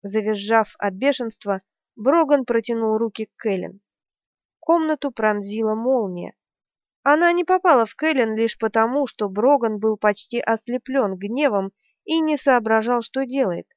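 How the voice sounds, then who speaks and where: A woman's voice: fairly high pitch, animated, normal speed, no echo. A woman reading a fantasy audiobook with tense, vivid storytelling. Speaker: audiobook narrator. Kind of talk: dramatic fantasy audiobook narration. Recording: dry, dull lo-fi recording.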